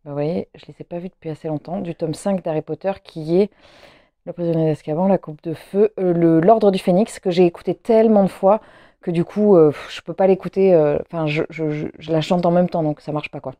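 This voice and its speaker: A woman's voice: lowish voice, fairly even intonation, fairly quick, mellow, no room sound. A woman vlogger chatting casually to camera at home, rambling with frequent hesitations and restarts. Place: at home, seated.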